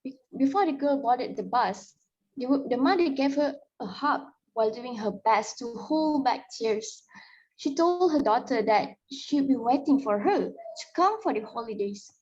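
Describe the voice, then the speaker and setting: A woman takes on the role of a storyteller telling sad ghost tales, reading dramatically in a high, a little mellow voice. Her sorrowful delivery is emotive and animated, if a little halting. The audio is muffled and low in fidelity.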